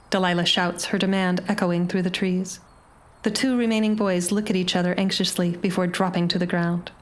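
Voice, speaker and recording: A woman narrates a short story with a low, steady voice. Her delivery is measured and dramatic, shaping each scene for the listener. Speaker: audiobook narrator.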